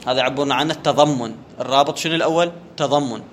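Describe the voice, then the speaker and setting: Speaking very fast in a medium-pitched voice, a man lectures a class on Arabic grammar, posing questions, answering them himself and repeating the key terms. There is slight background noise.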